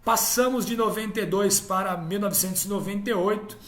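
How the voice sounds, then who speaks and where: A man's voice: sits high, a little fast, fairly bright tone, reverberant. A man hosting a casual football history talk, chatty and often ending his points with tag questions. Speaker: host.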